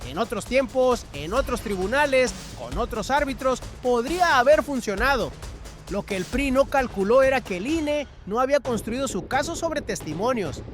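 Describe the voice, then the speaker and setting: A man's voice: extremely high pitch, lively intonation, moderate pace, faint music behind. A man reading a scripted news narration with a dramatic, emphatic delivery.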